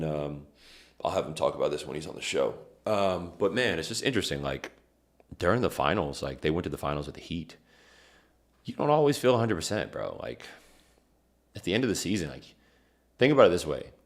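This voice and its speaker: A young man with a very deep, expressive voice hosts a streamed podcast show, talking fairly quickly. His casual chat is loose and full of rambling slang, and he often stops to correct himself.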